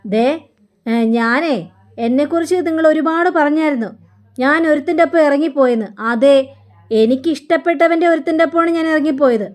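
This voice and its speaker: A woman voicing a spiteful, scheming young woman from a TV serial who taunts her mother-in-law in a slow, cutting way. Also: high voice, close to an everyday voice. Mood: scornful.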